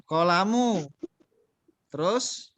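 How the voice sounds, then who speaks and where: A man's voice: sits high, very slow, fairly bright tone, no room sound. A man teaching a beginner Arabic class online, patient and coaxing, quizzing his students as he goes.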